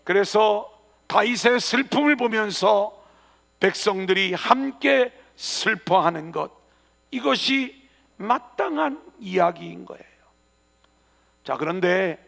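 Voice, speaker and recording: Male pastor, earnest sermon delivery, very high and gravelly, church hall reverb. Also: unhurried, pauses often, a bit bright. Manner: earnest preaching with emphatic rising phrases. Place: church sanctuary.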